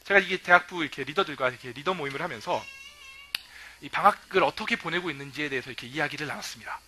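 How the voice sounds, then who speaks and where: A male pastor preaching a sermon, telling stories lively and acting out what people say. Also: fairly high pitch, racing, music in the background. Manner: lively storytelling, acting out quoted remarks.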